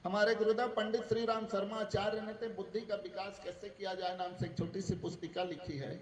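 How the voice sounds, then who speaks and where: Man, school yoga teacher, high voice, coaxing questions, distant mic. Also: flat delivery, brisk. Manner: coaxing, asks students questions, calls them beta. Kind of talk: guiding a class through yoga exercises. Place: school room with students. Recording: echoey room, distant mic, faint background noise.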